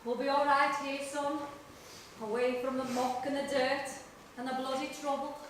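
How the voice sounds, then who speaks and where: A woman's voice: high voice, flat delivery, moderate pace, a little hiss or hum, lightly acted. A woman playing a brash mum. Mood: tender. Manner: rough-tongued, swings from tender to yelling. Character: harried, warm-hearted working-class mother. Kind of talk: live stage drama. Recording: echoey stage from far off.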